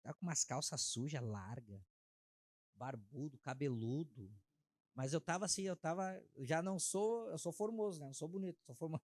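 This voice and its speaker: A man, sharing his personal testimony as an interview guest in a heartfelt, halting way. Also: fairly high pitch, darkish tone, no room sound. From Brazil. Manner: heartfelt, halting, frequent filler tags.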